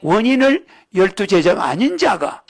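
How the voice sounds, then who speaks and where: A man's voice: sits high, big pitch swings, moderate pace. A man giving a rambling sermon-style religious lecture, often checking in with the audience with "you know what I mean?". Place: lecture hall.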